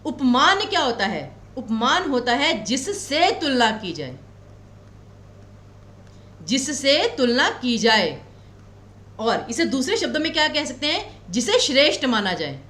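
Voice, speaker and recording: Lady teacher in an echoey room, high voice, goes way up and down, slow careful explaining. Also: very animated, a bit bright. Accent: Himachali Hindi. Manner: explains patiently, repeats key points slowly; reassuring, tells students not to worry. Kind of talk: exam coaching lecture.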